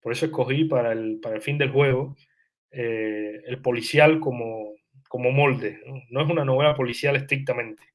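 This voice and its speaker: A man's voice: medium pitch, normal speed. A young man, a writer answering interview questions in a thoughtful, hesitant way, with frequent restarts and fillers. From Cuba.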